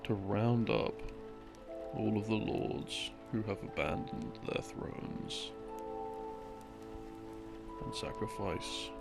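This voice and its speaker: A man with a fairly low voice narrates an audio roleplay as a boyfriend recounting game lore, turning it into a soft, meandering story for sleep. He speaks breathily and haltingly, in short phrases with long pauses, often slipping into a murmur, with soft background music behind him.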